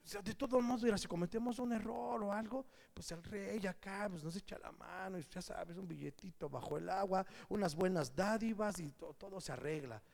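A man's voice: high voice, fairly quick, vocal fry, hardly any pauses, darkish tone. A man with a Mexican accent voicing grumbling, complaining townsfolk in a whiny, mocking tone during a sermon. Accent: Mexican Spanish. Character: whiny grumbling townsfolk, mixed group of adults. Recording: long hall reverb.

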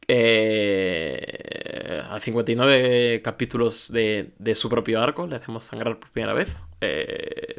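A man's voice: medium pitch, a bit bright. Wry man recapping manga. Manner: wry, joking, acts out quotes. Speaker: podcast co-host. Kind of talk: casual chat recapping manga chapters.

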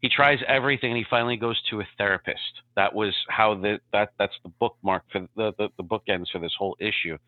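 Man, low voice, tinny phone-line sound, dry, casual podcast storytelling. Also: quick pace, few pauses, dry recording. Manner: animated storytelling, repeats "okay?" to check in. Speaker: podcast co-host.

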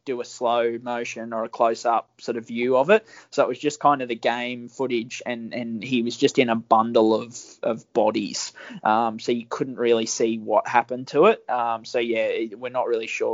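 An Australian man chatting casually about sport as a guest injury analyst, in an informal, halting way that often restarts mid-sentence. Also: medium pitch, level tone, dry recording, muffled recording. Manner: informal, halting, self-interrupting. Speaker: injury analyst guest on a rugby league show.

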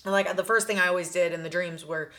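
A woman's voice: fairly low pitch, fairly even intonation, fast talker, a bit bright. Young woman rambling in casual chat. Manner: rambling, heavy use of "like".

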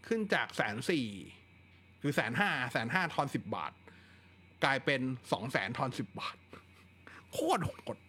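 A man hosting a casual live tech chat, relaxed and talkative, answering viewer questions with plenty of fillers. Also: mid-range voice, moderate pace, slightly rough. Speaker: tech livestream host.

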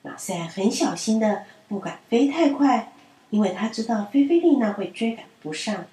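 Woman reading kids' bedtime stories, gentle, highish voice, far from the mic. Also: very animated, moderate pace. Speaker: storyteller. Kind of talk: children's story reading. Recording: roomy and distant.

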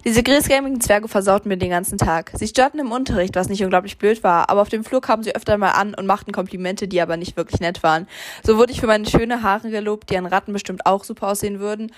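A young woman reading her own fan fiction aloud, rushing and often tripping over words and correcting herself. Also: mid-range voice. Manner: rushed reading with frequent slips and self-corrections.

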